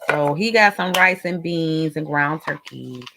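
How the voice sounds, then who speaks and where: A middle-aged woman talks straight to her viewers in a candid, chatty vlog. Her voice sits a little low and has a gravelly rasp. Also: measured pace, background noise. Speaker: lifestyle vlogger. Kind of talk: casual chat while doing makeup.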